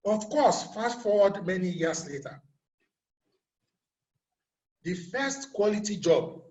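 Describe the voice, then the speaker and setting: A man's voice: sits high, lively intonation, slow pace, a little mellow, roomy sound, muffled recording. A middle-aged Nigerian man giving a career talk, telling stories and asking his audience rhetorical questions. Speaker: motivational speaker.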